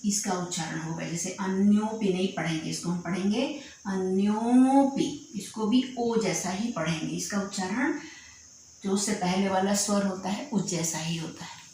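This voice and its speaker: A woman's voice: medium pitch, darkish tone. A woman teacher explaining a grammar lesson patiently, often checking that students follow. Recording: very echoey room with faint noise.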